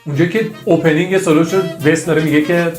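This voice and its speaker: Male music teacher, eager and chatty, sings examples; roomy sound under loud guitar. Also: on the high side, fairly even intonation. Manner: enthusiastic, sings phrases to demonstrate. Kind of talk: casual jazz theory lesson. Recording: echoey room with guitar music.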